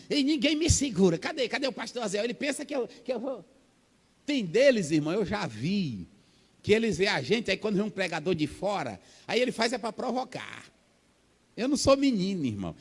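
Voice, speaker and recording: A man from Brazil preaching a Pentecostal sermon, animated and acting out scenes with voices. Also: high voice, slightly rough, big-room sound. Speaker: pastor.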